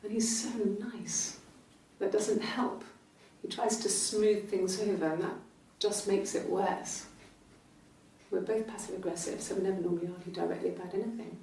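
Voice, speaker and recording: An actress playing a married woman questioned on police video, speaking calmly and with quiet restraint. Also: mid-range voice, moderate pace, vocal fry, a little hiss or hum, close to an everyday voice. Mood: wry. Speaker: interviewee in a police tape. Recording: roomy, distant game audio behind the player.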